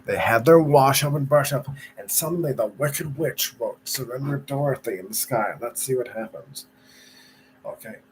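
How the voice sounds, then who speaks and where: A man reading a storybook aloud in a relaxed, chatty way, sometimes stumbling and rereading a phrase. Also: mid-range voice, moderate pace, a little hiss or hum, low-quality recording. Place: at home.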